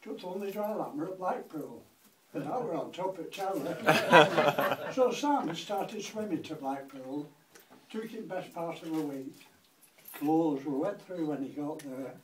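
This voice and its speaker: In an echoey room with faint noise, a distant mic picks up a Lancashire grandfather in his eighties reciting a comic monologue in verse, rhythmic and dry. His voice is a little high with lively intonation at a measured pace, and crowd noise can be heard.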